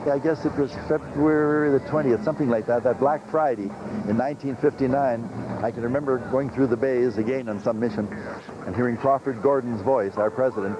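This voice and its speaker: An older man, a former aircraft plant worker, recalling events in a halting, reflective interview, heard off a worn VHS tape copy. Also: mid-range voice. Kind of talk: interview recollection. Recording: dull worn tape with loud hiss.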